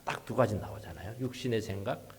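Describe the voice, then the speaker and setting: A male pastor preaching a sermon, swinging between hushed asides and loud, emphatic rises, in a church sanctuary. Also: lowish voice, quick pace.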